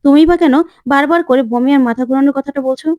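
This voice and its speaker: A woman's voice: high voice, rapid-fire, dark tone, no room sound, pitched above the performer's own voice, close to an everyday voice. A woman voicing an anxious middle-aged mother who answers hesitantly and evasively.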